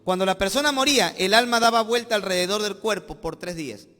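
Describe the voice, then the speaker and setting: Peruvian man, pastor, emphatic repetitive sermon, very high pitch, reverberant church hall. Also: fast, sharp tone. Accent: Peruvian Spanish. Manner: emphatic preaching with repeated phrases.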